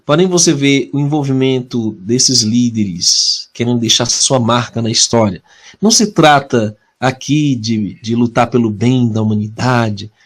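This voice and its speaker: A man with a Brazilian Portuguese accent leading a weekly prophecy study, earnest and measured, slowing down to stress key words. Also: medium pitch. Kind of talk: prophecy study talk with opening prayer.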